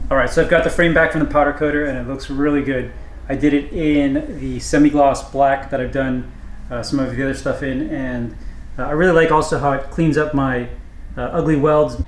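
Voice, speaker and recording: A motorcycle builder vlogger talks through a job on his bike in a hot home garage, relaxed and matter-of-fact, pausing often. His voice is medium-pitched, and the echoey space carries the faint noise of a running fan.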